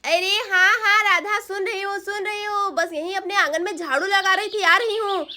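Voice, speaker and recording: A woman voicing an easygoing village neighbor woman with a soft, drawn-out way of talking. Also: very high-pitched, fairly even intonation, heavily acted.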